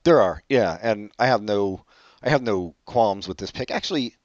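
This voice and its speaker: A man's voice: expressive, moderate pace, no room sound, highs cut off. A man co-hosting a podcast, chatting loosely about music and rambling as he talks. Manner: loose, rambling, jumps up and drops off in pitch and volume. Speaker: podcast co-host. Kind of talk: casual chat about music.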